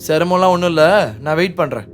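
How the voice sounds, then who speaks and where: A man's voice: high voice, fast, close to an everyday voice. An actor playing a nosy young man who asks prying questions, in a drama with music underneath.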